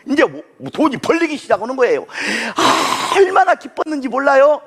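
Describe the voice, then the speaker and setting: A man giving a motivational lecture, telling stories in an animated, folksy, dramatic way. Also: high-pitched, breathy edge.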